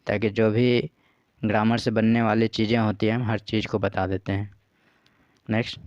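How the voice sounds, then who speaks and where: A man's voice: fairly low pitch, clear, resonant tone, dry recording, highs cut off. A man patiently explaining practice exam questions as a teacher. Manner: patient, repeats "ठीक है" and "देखिए".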